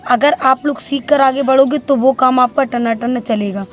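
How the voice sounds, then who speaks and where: A woman's voice: high voice, moderate pace. A young adult woman, a housewife and vlogger, giving an earnest, heartfelt motivational talk to camera, pleading and repeating herself.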